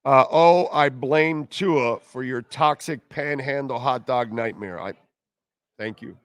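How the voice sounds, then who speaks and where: A man's voice: mid-range voice, takes it slowly, dry recording, clean studio sound. A man hosting a radio show, giving informal, wry sports-talk commentary in a conversational way.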